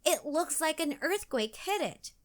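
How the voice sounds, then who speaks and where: A woman's voice: high-pitched, sing-song, unhurried, pitched above the performer's own voice. A woman voicing a startled, teasing mother in a children's storybook, exclaiming and wry. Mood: exasperated.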